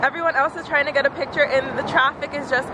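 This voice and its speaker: A woman's voice: high-pitched, steady tone, fast, crowd noise. A young woman chatting to viewers of her travel vlog as she tours a city. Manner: chatty, upbeat, addresses viewers. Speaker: vlogger. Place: outdoors in a busy city. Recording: noisy street with crowds.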